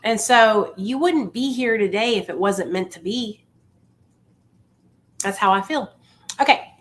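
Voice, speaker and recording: A livestream host speaking on addiction recovery, a woman gives viewers an impassioned, informal motivational talk in a familiar tone. She's emphatic and insistent, repeating phrases to drive them home. Her voice is medium-pitched and unhurried.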